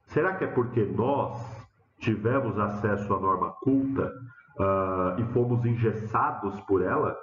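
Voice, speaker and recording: A man with a São Paulo Portuguese accent teaching a lesson, lively and questioning, acting out students' voices. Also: unhurried, a little hiss or hum. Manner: animated, acts out students' questions with rising pitch. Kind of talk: lecture to students. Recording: dull, roomy classroom sound.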